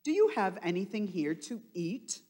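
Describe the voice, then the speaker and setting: A woman reading the part of a calm, patient risen Jesus from a children's Bible storybook. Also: mid-range voice, moderate pace. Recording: long hall reverb.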